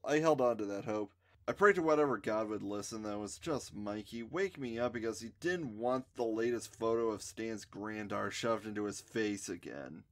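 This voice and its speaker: A man reading his own story aloud in first person, with an expressive delivery. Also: medium pitch.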